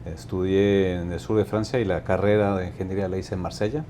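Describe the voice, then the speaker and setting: A Mexican company director in his fifties answers interview questions as a guest, speaking in a measured, thoughtful, unhurried way and often restarting his sentences. His voice is low, dark, and mellow with a steady tone. A faint low rumble sits beneath the recording.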